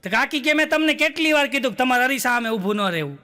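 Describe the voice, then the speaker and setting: A man's voice: very high-pitched, animated, racing, noisy background. A man with a Gujarati accent telling stand-up jokes, acting out the characters in his stories and laughing through the punchlines. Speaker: stand-up comedian.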